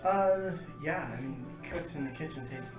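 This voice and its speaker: Higher-voiced male tabletop player. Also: moderate pace, dull audio. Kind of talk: casual game-table chat. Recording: roomy, distant mic with music behind.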